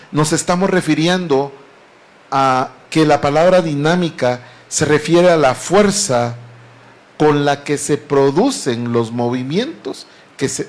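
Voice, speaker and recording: A man preaching a sermon, earnestly and often addressing the congregation as beloved brethren. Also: medium pitch.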